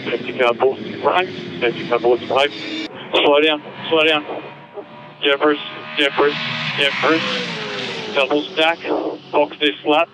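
Race engineer guy on car team radio, monotone, barking the same orders over and over, noisy. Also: on the high side, unhurried. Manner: urgent, repeats short instructions.

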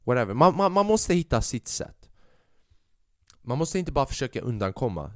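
Man, young, podcast monologue, animated, lots of swearing, resonant voice, dry sound. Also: deep voice, no room sound. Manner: animated, swears a lot, mixes in English phrases. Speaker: podcast host. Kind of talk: casual solo podcast monologue.

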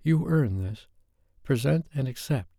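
A man's voice: mid-range voice, expressive, measured pace, gravelly, warm tone, dry recording, studio quality, voice pushed up. An audiobook narrator voicing a young woman who pleads and answers in a breathless, trembling way. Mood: resolute. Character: young woman in a strict submissive relationship, pleading. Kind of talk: audiobook character voice.

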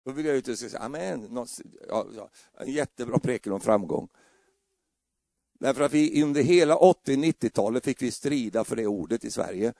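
A middle-aged man preaches in speech with a gravelly, low-lit tone. He jokes and acts out everyday scenes as he goes. The sound is dry and close. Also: animated, warm tone, no room sound. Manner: humorous, acts out scenes with voices. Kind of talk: lively sermon.

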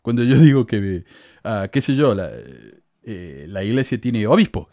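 A man's voice: fairly low pitch, animated, measured pace, dark tone, dry recording, clean studio sound. A man from Córdoba, sarcastically reading out and answering critical comments in casual commentary. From Córdoba, Argentina. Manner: sarcastic, exasperated, mocking.

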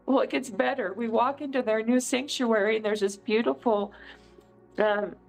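A middle-aged woman from California giving an earnest, emotional testimony as an interview guest, telling stories with lively feeling. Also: fairly high pitch, normal speed, vocal fry, soft background music, low-quality recording. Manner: emotional, earnest, animated storyteller. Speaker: political candidate, guest.

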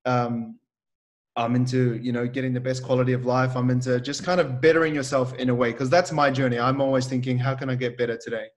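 A man in a casual podcast chat, voice sitting at an ordinary middle pitch. He talks loosely and rambles, leaning on fillers as he goes. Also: quick pace. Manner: relaxed, rambling, heavy on fillers like "like" and "you know". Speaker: podcast host and fitness coach.

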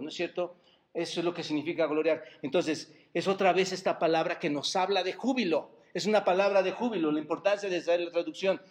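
A man preaching a sermon as pastor, asking the congregation rhetorical questions and drawing out key words for emphasis. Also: a little high. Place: church service.

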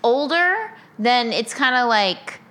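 A woman's voice: on the high side, very animated, slow, a bit bright. A woman co-hosting a podcast, teasing and playful in casual chat. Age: 30s. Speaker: podcast co-host.

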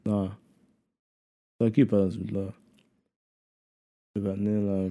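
A man chats casually about rap in slangy French, mixing in English words and repeating himself. His voice is on the low side with little pitch movement, he speaks slowly, and the highs are cut off.

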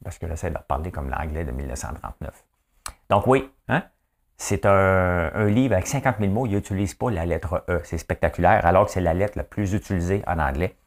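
A man's voice: low voice, brisk. A male host with a Quebec French accent, running a chatty trivia monologue that keeps tossing in "hein?" and slipping into English phrases.

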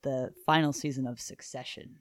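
A woman's voice: extremely low pitch, fairly even intonation, normal speed, studio quality. A woman co-hosting a podcast, chatting casually and animatedly, swearing freely and echoing the others. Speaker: podcast co-host. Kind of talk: casual chat.

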